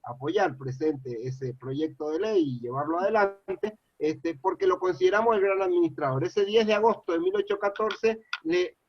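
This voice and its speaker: Here a middle-aged Argentine man from Mendoza rambles earnestly through a public lecture, leaning on fillers like "eh" and "este." His high voice moves at a moderate pace with few pauses, and the dull lo-fi audio has no room sound.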